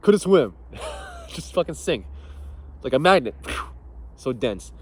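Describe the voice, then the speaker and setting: A young male fitness coach talking in a loose, profane, motivational way. He is blunt and laughs easily, and his voice sits at an ordinary middle pitch. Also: big pitch swings, takes it slowly. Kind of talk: casual motivational talk.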